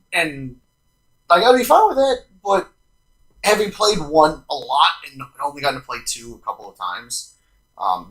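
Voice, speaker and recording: Lively, bright-toned young man chatting. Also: medium pitch, low-quality recording. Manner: animated, hesitant with restarts. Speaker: podcast co-host. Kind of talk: casual chat.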